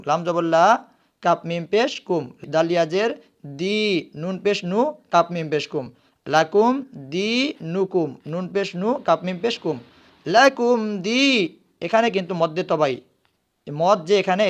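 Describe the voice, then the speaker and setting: A man teaches recitation. He spells words out letter by letter, asks questions and answers them himself, then chants the words slowly. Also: sits high.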